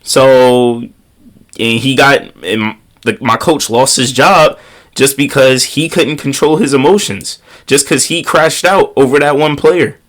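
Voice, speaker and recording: A young man, his voice congested from a slight cold, talks to his viewers outdoors on a windy day as a motivational vlogger. His mid-range voice is slow and a bit bright, and he offers earnest, slangy advice, repeating his key lines for emphasis.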